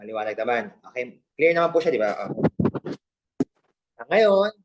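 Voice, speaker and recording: A man's voice: medium pitch, very animated, moderate pace. A man teaching a language class online, who keeps checking in with his students and slips jokes into the lesson. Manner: playful, repeats questions to students, jokes mid-lesson.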